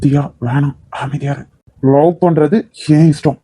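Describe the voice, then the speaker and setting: A protective young husband, voiced by a man, speaks in a cartoon. His tone is mellow and dry, and he stays firm but soothing. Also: sits high, a little fast, dry recording, poor audio. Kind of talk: cartoon voice acting.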